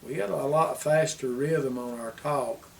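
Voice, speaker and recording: Captured on a distant microphone amid background noise, an older man from Appalachian Tennessee reminisces about his family's past in a folksy, wandering porch-sitter way, clipping his word endings. He speaks with a gravelly, mid-range voice at a measured pace.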